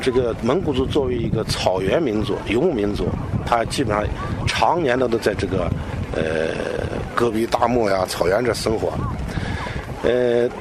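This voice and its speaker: Animated man explaining, noisy outdoor recording. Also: on the low side. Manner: halting, repeats phrases, frequent filler particles. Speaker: local culture expert and guide. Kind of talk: unscripted explanatory talk to an interviewer.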